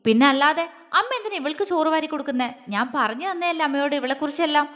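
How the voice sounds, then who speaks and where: A woman's voice: high voice, expressive, fast talker, fairly bright tone. A woman reading the part of an angry young husband in a romance audio story, speaking harshly and with contempt. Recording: long hall reverb.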